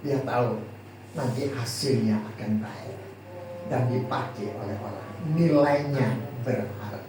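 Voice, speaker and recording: A male pastor preaching a sermon to a congregation, lively and jokey, often asking them questions. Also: mid-range voice, a little slow. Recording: echoey hall from far off, faint noise.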